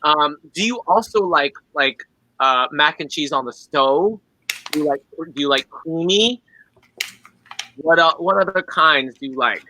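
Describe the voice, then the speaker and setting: A man's voice: fairly high pitch, expressive, a little slow, sharp tone, a little hiss or hum, poor audio. A man hosting a casual online show, asking upbeat questions and laughing easily. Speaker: host. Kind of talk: casual chat.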